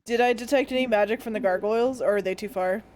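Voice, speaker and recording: A young woman playing a tabletop game, excitable and swearing, laughing often. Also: fairly high pitch, fast talker. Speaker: player. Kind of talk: casual tabletop play.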